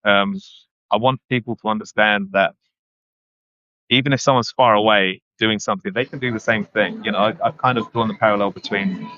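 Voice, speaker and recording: A man, a guest speaking thoughtfully in a casual interview, often pausing and restarting. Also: fairly low pitch, fairly even intonation, sharp tone, no echo. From London, England. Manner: reflective, hesitant with many restarts and ums. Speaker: guest, running writer. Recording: dull, dry lo-fi audio.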